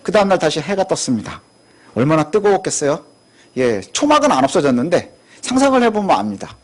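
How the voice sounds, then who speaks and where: High, lively male pastor preaching. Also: a little fast. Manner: conversational, many rhetorical questions; frequent affirming "ye" filler. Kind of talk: sermon.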